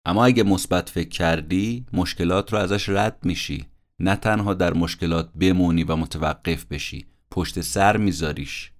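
Earnest low-voiced man narrating a podcast. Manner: earnest motivational, acts out quoted speech. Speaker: podcast host summarizing a self-help book. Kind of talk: conversational book-summary narration.

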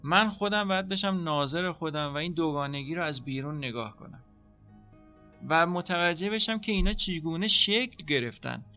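A man speaking as a psychotherapist in an interview, calmly explaining how treatment works and acting out what a therapist says. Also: fairly high pitch, soft background music. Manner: calm, explanatory, acts out therapist dialogue. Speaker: psychotherapist guest.

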